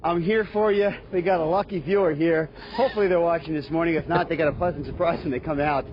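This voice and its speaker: A man's voice: fairly high pitch, fairly even intonation, fast talker. A man with a Baltimore accent doing a live outdoor weather report, upbeat and folksy, talking to viewers as folks. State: out of breath. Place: outdoors on a city street in snow. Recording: dull broadcast audio with faint noise.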